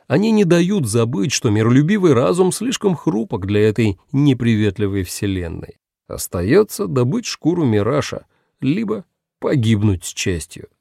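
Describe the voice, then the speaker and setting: A male narrator reads a science-fiction story with lively, animated intonation. His voice is gravelly and mellow, recorded dry and close. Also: medium pitch, normal speed, no room sound. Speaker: audiobook narrator. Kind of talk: scripted narration.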